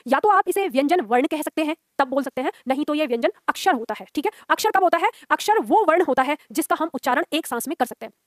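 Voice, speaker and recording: A woman's voice: high voice, animated, fast, hardly any pauses, dry recording, studio quality. A woman teaching a grammar lesson, explaining step by step and often checking whether her students follow. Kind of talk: classroom lecture.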